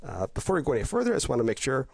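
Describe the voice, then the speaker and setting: This home-recorded gameplay voice-over comes from a man with a head cold, so his gravelly, darkish voice sounds stuffy and nasal, centered in a middle range yet swinging hugely in pitch. Eager in tone, he keeps halting, using fillers and restarting sentences, and there's no room echo at all.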